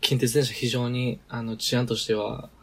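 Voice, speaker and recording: A man's voice: medium pitch, little pitch movement, normal speed, slightly rough. A man with a Kansai accent, a podcast co-host, telling a story in casual chat and laughing often. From Kyoto Prefecture.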